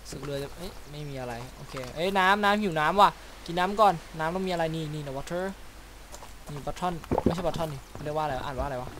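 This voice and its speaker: A man talks his way through a game session in a casual, chatty let's-play style. His voice sits a little high, and he peppers his talk with playful mouth sound effects. Game sounds play loudly underneath. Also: slight background noise. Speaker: gaming YouTuber. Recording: loud game sounds behind voice.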